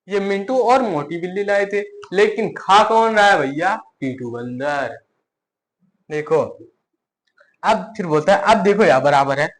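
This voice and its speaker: A male teacher telling a fable in a math lesson for children, animated, often asking the listeners questions. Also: high-pitched.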